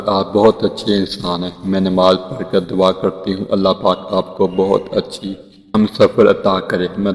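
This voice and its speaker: A man narrating a first-person moral story, reading the dialogue in a slow, solemn way. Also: low voice, in a large hall.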